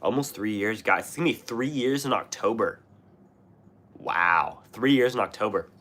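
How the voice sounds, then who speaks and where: Sick and coughing, this livestream host chats casually with his viewers, rambling through fillers and false starts while clearing his throat. He's a young man from Washington State with a West Coast American accent. His voice sits on the low side at a normal speed, bright and forceful.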